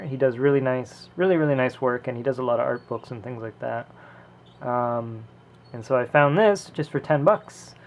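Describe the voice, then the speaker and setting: A man's voice: medium pitch, creaky, slight background noise. A man talking casually and rambling with fillers while he reviews a figure, recorded at home on a small camera. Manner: relaxed, rambling, many fillers. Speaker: toy reviewer. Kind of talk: casual hands-on product review. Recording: lo-fi home video audio.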